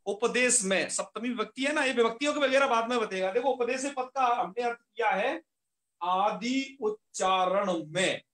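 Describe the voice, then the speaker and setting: Male teacher, high and bright, patient explainer who repeats terms and quizzes himself aloud, echoey room. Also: brisk, hardly any pauses. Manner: patient, repeats key terms and asks rhetorical questions. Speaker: Sanskrit grammar teacher. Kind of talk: online class lecture.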